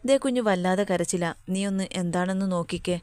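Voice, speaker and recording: Storybook young man, soft and coaxing, read by a woman, low smooth voice. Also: a little fast, dry recording, lightly acted.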